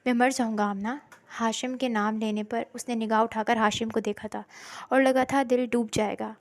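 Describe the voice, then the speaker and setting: A woman narrating a romantic storybook in a steady, dramatic reading voice, recorded close in a quiet room. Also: fairly high pitch, no echo.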